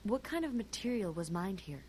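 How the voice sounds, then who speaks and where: Woman acting as video game heroine, inquisitive, practical, direct, medium pitch, light background noise. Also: very animated, moderate pace, darkish tone, close to an everyday voice. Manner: plain, direct questioning. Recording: game audio with faint noise.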